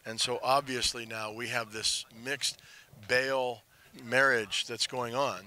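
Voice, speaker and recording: A man's voice: mid-range voice, fairly even intonation, slow, bright, forceful tone. A man teaching outdoors on a hilltop, reading scripture aloud and breaking in with casual asides. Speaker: pastor teaching on a tour.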